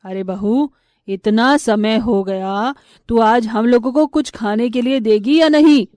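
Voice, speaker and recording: A woman voicing a spiteful older mother-in-law in a storybook tale, who scolds in a shrill, nagging way. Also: slow pace, mellow, no room sound, studio quality. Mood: scolding. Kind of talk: storybook voice acting.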